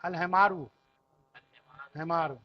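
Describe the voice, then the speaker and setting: A man with a high voice teaches an Arabic class in a classroom at an unhurried pace. He patiently repeats every phrase and explains it word by word. The recording sounds dull and lo-fi. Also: fairly even intonation. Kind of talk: classroom language lesson.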